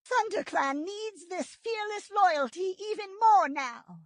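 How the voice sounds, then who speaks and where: A woman's voice: very high-pitched, lively intonation, slow pace, no echo, pitched above the performer's own voice, full character voice. A woman voicing a weary female cat clan leader in a storybook, with a tired voice cracked with sadness and a solemn, formal delivery. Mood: solemn grief.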